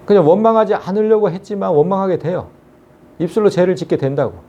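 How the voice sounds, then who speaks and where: A man preaching a sermon as pastor, earnest and animated, asking the congregation rhetorical questions. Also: high voice, fast talker, muffled recording.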